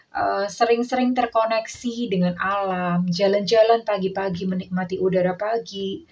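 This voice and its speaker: A woman giving a casual, chatty tarot reading, slipping English phrases into her talk and acting out quoted lines. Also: medium pitch. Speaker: tarot reader. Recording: distant, dull lo-fi mic with faint noise.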